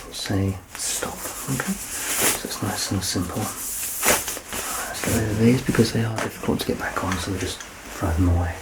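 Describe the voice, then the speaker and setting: In an ASMR medical exam roleplay, a man in his thirties plays a doctor, softly guiding a patient in a deep voice with a gentle creak. He's reassuring and pokes fun at himself, frequently sinking almost to a whisper. Background noise is clearly audible.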